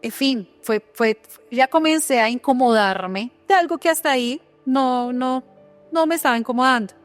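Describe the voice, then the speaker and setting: A woman delivers a sermon in a fairly high voice, sharing her own story with earnest feeling. She turns often to her listeners with direct rhetorical questions. Soft music plays faintly underneath. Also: moderate pace. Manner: earnest personal testimony with rhetorical questions to the audience. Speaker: preacher.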